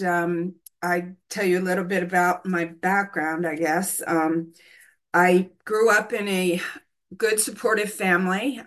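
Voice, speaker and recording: A woman in her sixties from the United States tells her own recovery story in a candid, hesitant way, often pausing with "um". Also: lowish voice, fairly bright tone. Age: 60s. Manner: hesitant, many ums, candid. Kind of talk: personal testimony.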